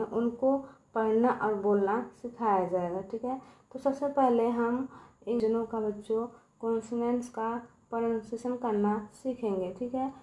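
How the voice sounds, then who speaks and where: A woman's voice: on the high side, warm tone, highs cut off. A woman teaching a beginner English lesson to children, constantly checking in with them and quizzing them on each letter. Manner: addresses kids repeatedly, checks with "ठीक है" and quiz questions. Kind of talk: Hindi classroom-style video lesson. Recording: echoey room.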